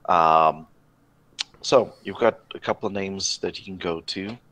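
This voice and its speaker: A man running a tabletop role-playing game over voice chat, narrating slowly with many fillers and restarts. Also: sits low, fairly bright tone, a little hiss or hum, rough recording. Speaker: game master.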